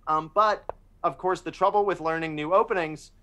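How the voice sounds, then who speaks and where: A man co-hosting a chess show, reflecting on principles and games in a thoughtful, casual way, his voice softening at the end of phrases. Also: fairly high pitch, moderate pace, slight background noise. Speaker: chess commentator.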